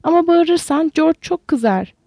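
A woman's voice: very high voice, lively intonation, measured pace, dark tone, no echo, studio quality, pitched above the performer's own voice, exaggerated voice. A woman voicing a big simple-minded man who talks like a frightened child, pleading in a raised voice.

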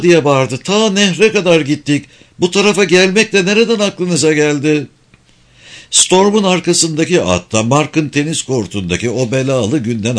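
A male narrator reading an audiobook in a low voice with lively rises and falls. His storytelling is steady and expressive.

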